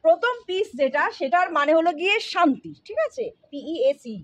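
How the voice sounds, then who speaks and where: A woman's voice: extremely high pitch, lively intonation, normal speed, dry recording, muffled recording. A woman giving a casual spoken English lesson, talking straight to her learners and often checking that they follow. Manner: familiar, addresses learners directly with frequent checks.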